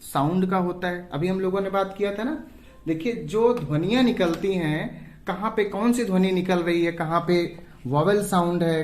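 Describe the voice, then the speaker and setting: Man teaching, answering his own questions. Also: high-pitched. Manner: asks questions and answers them himself; slow, drawn-out example words. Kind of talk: exam-prep lesson.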